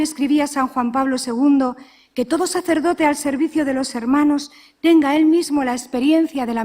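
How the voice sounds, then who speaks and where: Woman, religious sister, high voice, measured and earnest, reflective spiritual talk. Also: darkish tone. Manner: measured, earnest, with rhetorical questions.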